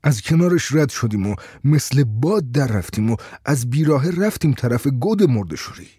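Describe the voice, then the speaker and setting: A man narrating a story in a steady, tense storyteller's voice. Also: mid-range voice, husky, no echo, studio quality.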